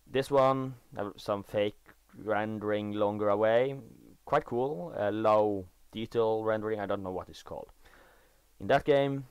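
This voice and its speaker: Recorded after gameplay with no room sound, this voice-over comes from a Norwegian teen boy who makes gaming videos and speaks English as his second language. With a fairly low, clear, resonant voice, he comments casually on his footage, stumbling and correcting himself while eagerly pointing out game details.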